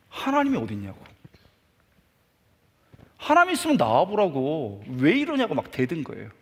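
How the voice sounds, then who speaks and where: A middle-aged man preaching a sermon and telling a personal story, acting out his younger self shouting in anger. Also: mid-range voice. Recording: long hall reverb.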